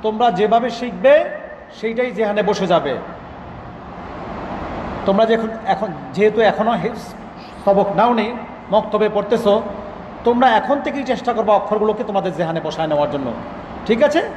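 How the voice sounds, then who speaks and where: A male Quran teacher from Bangladesh drilling letter sounds with children in a classroom, calling for repetition. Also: sits high. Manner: drills syllables slowly, calls for repetition. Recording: echoey hall, children and noise behind.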